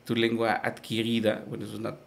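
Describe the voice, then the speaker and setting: In a conversational interview, this Yucatecan man—Maya-speaking from birth, with a Yucatecan Spanish accent—patiently explains as a guest, often using fillers and restarting. He talks fairly quickly in a low, creaky monotone, with a little hiss or hum present.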